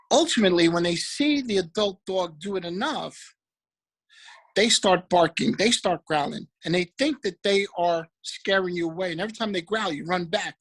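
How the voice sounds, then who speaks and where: A man giving an energetic, preachy motivational talk about trading, repeating affirmations. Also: high voice, poor audio. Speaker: motivational speaker for a trading group.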